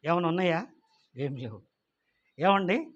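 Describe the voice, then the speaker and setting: High-voiced pastor preaching. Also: male voice, very animated, measured pace, highs cut off. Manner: asks the congregation questions; acts out the figures of the story. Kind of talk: sermon.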